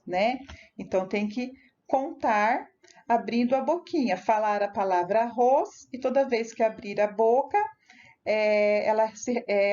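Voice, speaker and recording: A woman's voice: a little high, warm tone, muffled recording. A Brazilian woman teacher with a Brazilian Portuguese accent, patiently walking a young pupil through worksheets in a recorded remote lesson. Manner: slow, patient, addresses a child directly with tag questions. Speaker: primary school teacher.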